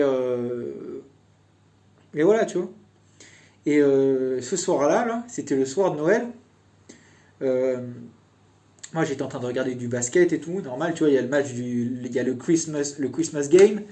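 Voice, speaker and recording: A man's voice: on the high side, warm tone. A young man casually telling a personal story in a chatty, meandering way.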